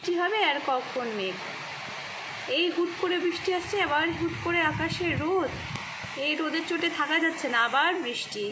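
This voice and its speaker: Young woman vlogger, high and soft-spoken, casual daily chat, faint background noise. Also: moderate pace. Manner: soft-spoken, chatty, talks to her child in a sing-song voice. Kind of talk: casual daily-life vlog narration.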